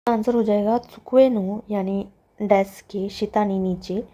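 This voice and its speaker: Slow, mellow-voiced woman language teacher. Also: medium pitch, fairly even intonation. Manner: slow, careful explaining, drawing out the Japanese words. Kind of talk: explaining a textbook exercise.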